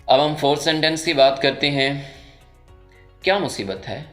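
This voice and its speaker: A man with a Pakistani accent teaching English pronunciation in a voice-over, explaining slowly and repeating each example word several times. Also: fairly high pitch, fairly bright tone, soft background music. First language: Urdu. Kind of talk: pronunciation lesson.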